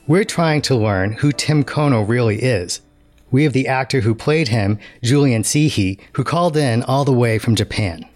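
A man's voice: mid-range voice, normal speed, a little mellow, no echo. A man hosting a podcast with scripted narration, recorded dry and close. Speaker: podcast host.

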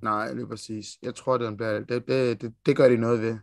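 A Danish man co-hosting a podcast in casual chat, excitable and swearing freely as he gushes about comic lore. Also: mid-range voice, vocal fry, no room sound, studio quality. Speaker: podcast co-host.

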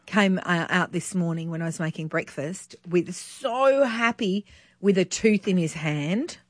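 A woman co-hosting a radio show, quick-witted and mock-exasperated in casual banter into a studio mic. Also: on the low side, no echo. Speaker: radio co-host.

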